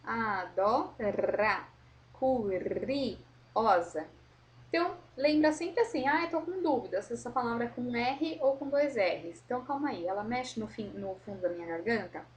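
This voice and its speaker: A woman teacher correcting a worksheet for young pupils, slowly modelling words and explaining patiently. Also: a little high, expressive, darkish tone, a little hiss or hum. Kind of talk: correcting a school worksheet for children.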